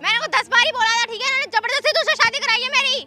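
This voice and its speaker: A woman's voice: very high voice, very fast, over music. A young woman acting a defiant young wife in a staged drama, snapping and threatening. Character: defiant young wife plotting against her husband. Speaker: young bride in a staged skit. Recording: loud background noise.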